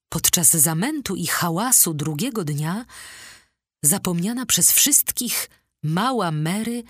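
A woman narrating an audiobook in a measured, expressive storytelling manner, recorded on a close studio mic. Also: fairly low pitch, breathy edge, no echo. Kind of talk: scripted narration.

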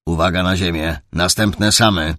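A man reading a calm young squadron leader who gives clipped radio orders in an audiobook. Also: sits low, normal speed, no room sound, studio quality, natural voice. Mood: steady.

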